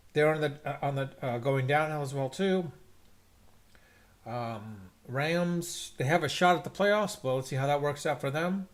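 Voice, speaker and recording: A man hosting a live stream, rambling casually about football with lots of restarts and strong opinions. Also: a little high. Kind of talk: casual sports rant. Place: at home, checking scores on screen.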